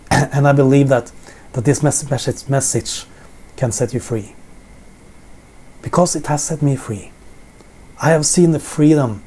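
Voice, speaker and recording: His voice is mid-range and warm, his delivery unhurried with long pauses, and there is slight background noise. The speaker is a middle-aged man from Norway with a Norwegian accent, informally teaching the Bible in English from his living room sofa to a front-facing camera in a seated framing, frequently repeating words as he searches for them.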